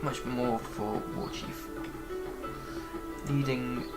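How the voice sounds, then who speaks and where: Congested with a cold, a gaming channel host rambles hesitantly through casual let's play commentary, full of fillers, as he plays. His medium-pitched voice is steady in tone and extremely slow, set against loud music.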